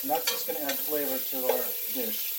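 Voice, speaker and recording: A man's voice: mid-range voice, fairly even intonation, fairly quick. A man hosting a casual cooking vlog, chatting to viewers in a folksy way. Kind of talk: casual taste-test and cooking demonstration. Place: indoors in a kitchen. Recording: roomy echo, distant microphone.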